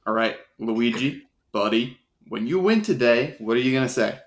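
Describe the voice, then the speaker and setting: A man playing a nervous, hushed spy. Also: mid-range voice, lively intonation, a little slow, heavy background noise. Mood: coaxing. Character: anxious male spy coaching a friend.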